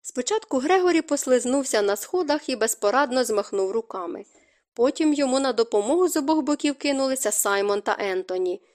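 Woman narrating an audiobook, slightly high voice. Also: lively intonation, fairly quick, a little mellow. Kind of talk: scripted narration.

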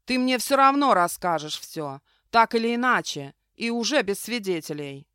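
A woman's voice: fairly high pitch, expressive, moderate pace, sharp tone, clear, resonant tone, no echo. Woman reader doing brutal red-eyed fanged captor, barking, domineering, dry close audio. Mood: menacing. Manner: barking interrogation.

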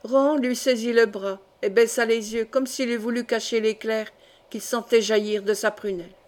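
A woman's voice: fairly high pitch, steady tone, normal speed, darkish tone. Woman reading a historical novel aloud. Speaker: audiobook reader. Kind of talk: audiobook narration of a historical novel.

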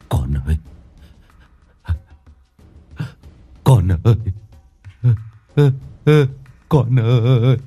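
A low-voiced male narrator tells a village ghost story with dramatic, lively rises and falls in pitch. His delivery stays grave throughout, and faint music plays beneath him. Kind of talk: scripted horror narration.

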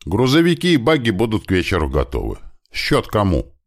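A man's voice: on the low side, wildly swooping pitch, brisk, voice pushed up. A man voicing a practical, plain-spoken male mechanic in an audiobook. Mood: matter-of-fact.

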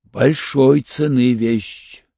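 A sly, wary older male crook, as an audiobook reader puts him on bargains in a hoarse, cagey voice. The pitch moves around freely, and the recording sounds muffled and dry. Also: very animated, a little slow, a little mellow, no room sound, exaggerated voice. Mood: cagey, bargaining.

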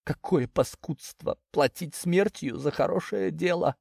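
A man voicing an indignant, sharp-tongued female cat who talks in a clipped way. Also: a little high, measured pace, creaky, breathy edge, dry recording, clean studio sound, pitched above the performer's own voice, heavily acted.

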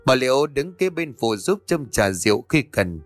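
A man narrating a horror audiobook at a steady storytelling pace. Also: mid-range voice, normal speed, no echo, faint music behind. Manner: steady storytelling, voices each character.

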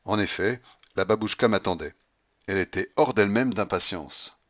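A man reading a classic novel aloud in a measured, subdued narration. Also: fairly low pitch, a bit bright, dull audio. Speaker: audiobook narrator. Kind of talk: literary audiobook narration.

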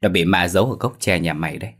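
A man's voice: low voice, quick pace, a bit bright, husky, heavily acted. A man voicing a very old village woman who speaks curtly and knowingly. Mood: stern. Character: near-hundred-year-old village woman, stern and knowing.

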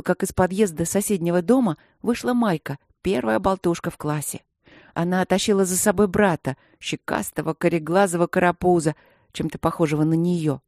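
A woman reading a children's story aloud with an expressive, playful delivery. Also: lowish voice, dry recording, clean studio sound. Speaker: audiobook narrator. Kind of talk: lively children's story narration.

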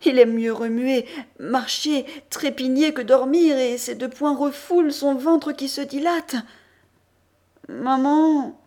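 Slow, expressive woman audiobook narrator. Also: sits high. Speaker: audiobook reader.

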